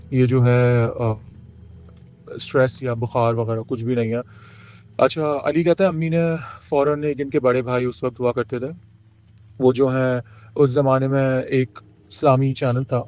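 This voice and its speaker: A man's voice: on the high side, a little mellow. Man telling a horror story. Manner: retells a friend's account with many pauses and fillers. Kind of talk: casual spoken horror storytelling.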